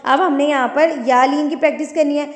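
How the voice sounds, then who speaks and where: In an echoey room with a long reverb, a woman with a high, steady voice teaches the rules of Quran recitation. She patiently explains each point, then recites slowly and drawn out.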